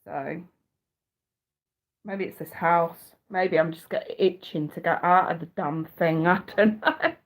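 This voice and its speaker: A middle-aged woman with a blocked nose hosts a rambling, casual live-stream chat on a webcam or phone. Her voice is on the low side, with fairly even intonation, a slow pace, and long pauses. She's chatty and warm to viewers and swears casually.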